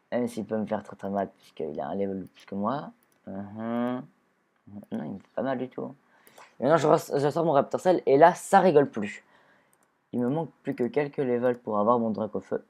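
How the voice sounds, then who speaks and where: A man's voice: medium pitch, lively intonation, normal speed, darkish tone. A man giving casual, rambling gameplay commentary, often restarting sentences and talking to the creatures in the game. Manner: rambling, self-correcting, talks to his creatures.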